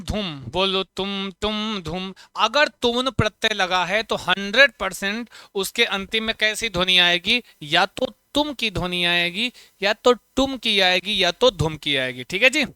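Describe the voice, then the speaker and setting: A man teaching a Sanskrit grammar lesson for exams, chanting sound patterns and firing quick questions at students. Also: high-pitched, animated, pushed and bright, clean tone, dry recording, studio quality. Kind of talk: online exam-prep lesson.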